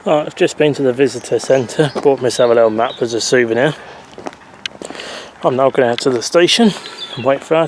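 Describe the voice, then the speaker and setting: A man chatting casually to his handheld camera while out walking and waiting at a rail station, rambling and correcting himself as he goes. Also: mid-range voice. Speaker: travel vlogger. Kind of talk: casual walking vlog commentary. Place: outdoors in countryside and on a rail platform. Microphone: handheld camera mic. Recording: faint outdoor background noise.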